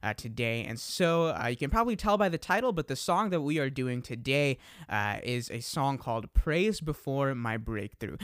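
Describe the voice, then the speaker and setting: A young adult man hosts a casual podcast, speaking in a medium-pitched voice into a desk microphone. The recording is studio quality with no room sound. He's easygoing, laughs at himself, and uses a lot of filler words.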